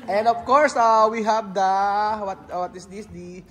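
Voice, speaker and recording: A man's voice: high voice, in a large hall, background noise. A man from the Philippines chatting casually in a food vlog, switching between languages and laughing as he tastes dishes at a restaurant. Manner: mixes Tagalog and English, laughs a lot while tasting. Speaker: food vlogger. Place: restaurant at a shared meal.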